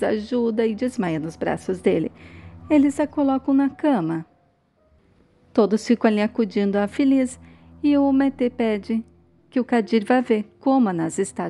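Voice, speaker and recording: A woman's voice: medium pitch, mellow. A woman casually recapping a soap opera, telling in turn who says what. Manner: plain storytelling, repeating who says what.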